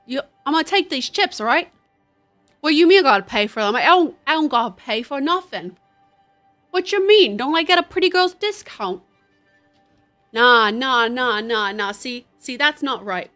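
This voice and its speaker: A woman's voice: sits high, lively intonation, normal speed, sharp tone, soft background music. A woman doing a cocky streetwise young tough. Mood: swaggering. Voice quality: swaggering, threatening, slangy.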